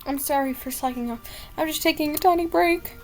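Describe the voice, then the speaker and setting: A woman's voice: high-pitched, brisk, a little mellow, faint music behind. A woman voicing a shy, apologetic young maid in a game. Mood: polite. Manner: timid, apologetic.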